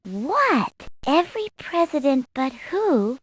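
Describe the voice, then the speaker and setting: A woman voicing a sweet young cartoon princess in a video game, reading scripted quiz questions in a deliberate, clearly enunciated way. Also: high voice, big pitch swings, exaggerated voice. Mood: sweet, inquisitive. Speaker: quiz character voice in an educational game.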